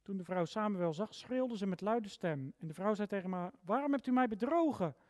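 A preacher delivers a sermon in a mid-range voice, reading a long Bible passage aloud. Single words are pressed out with force before the voice falls back quietly. The sound carries a long reverb from a large church hall. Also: medium pitch, expressive, moderate pace. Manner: emphatic, stressing single words with sudden rises and drops in loudness.

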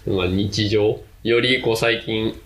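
A man with a fairly low voice, co-hosting a relaxed chat show. He tells his stories in an unhurried, reflective way. His tone stays plain and easygoing. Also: rough recording. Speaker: podcast co-host. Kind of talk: casual chat.

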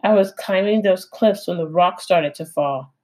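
A woman voicing a calm female robot who speaks plainly and quietly. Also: fairly low pitch, normal speed, close to an everyday voice.

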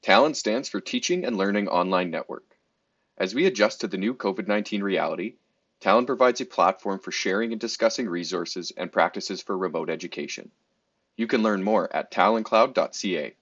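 A man reads a scripted introduction to a podcast. His voice is low and his delivery is even and formal. The recording sounds dull and lo-fi. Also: fairly quick. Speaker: podcast announcer.

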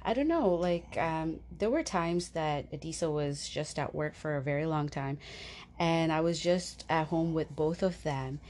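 A mother co-hosting a casual faith and parenting conversation, telling stories in an unhurried way, with frequent fillers. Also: low voice, animated, darkish tone, slight background noise. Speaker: podcast co-host, mother.

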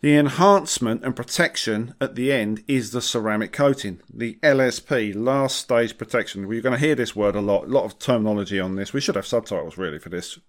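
Man, casual podcast host, wry joking manner, slangy, mid-pitched. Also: brisk, hardly any pauses. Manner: jokey, wry, colloquial with British slang. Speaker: podcast host and car detailer.

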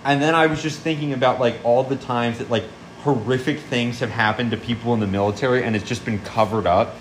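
A man's voice: mid-range voice, fairly even intonation, brisk. A young man co-hosting a podcast in casual chat, rambling and laid-back, with lots of fillers. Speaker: podcast co-host. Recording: echoey room with faint noise.

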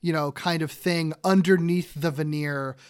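A man with a fairly high voice co-hosts a casual episode recap. He talks enthusiastically and breaks easily into giggles. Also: steady tone, unhurried, clean tone. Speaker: podcast co-host.

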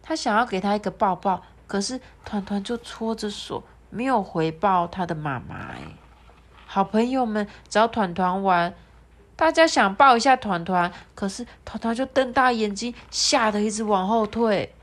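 A woman reading a children's picture story aloud in a gentle, sing-song way, voicing the characters now and then. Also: mid-range voice, lively intonation, moderate pace.

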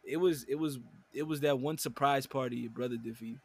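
A man's voice: medium pitch, a little fast, slightly rough, no room sound. A young man co-hosting a casual podcast chat, laid-back and laughing as he tells stories. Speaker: podcast co-host.

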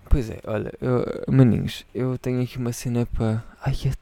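A man's voice: medium pitch, fairly even intonation, brisk, warm tone, no room sound. A drunk man with a European Portuguese accent, hosting his podcast and rambling, repeating himself and swearing freely as he talks to his patrons. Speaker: podcast host. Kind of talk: rambling casual monologue to patrons.

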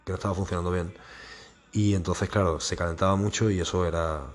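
A man's voice: low-pitched, steady tone, quick pace, background noise. A man in his thirties telling personal stories in a casual, rambling monologue, swearing freely and mimicking engine noises.

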